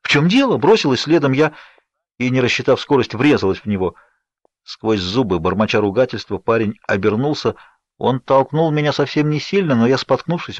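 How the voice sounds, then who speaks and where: Man reading an audiobook, steady pace, dry dead room, kinda muffled. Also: mid-range voice, no echo. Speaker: audiobook narrator. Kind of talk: first-person novel narration. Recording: dry, slightly dull audiobook recording.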